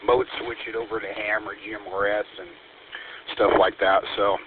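Low flat-voiced man over radio. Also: moderate pace. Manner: flat, matter-of-fact, talking while eating. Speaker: radio operator. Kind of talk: casual radio chat. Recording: tinny radio transmission with faint hiss.

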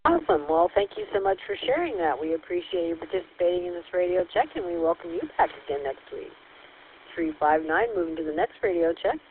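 A woman's voice: on the low side, lively intonation, quick pace, vocal fry, a little hiss or hum. A woman acting as net controller over a two-way radio, running check-ins with friendly, methodical radio procedure. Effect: heard over a two-way radio. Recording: tinny radio-band sound.

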